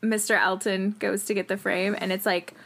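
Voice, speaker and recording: Woman, podcast co-host, casual chat, animated, laughing, acting out quotes. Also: medium pitch, moderate pace, gravelly.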